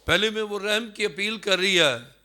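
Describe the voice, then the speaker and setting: A man with a Pakistani Urdu accent preaching a sermon, emphatic, acting out the words of people in the story with swings in pitch. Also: sharp tone. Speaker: pastor.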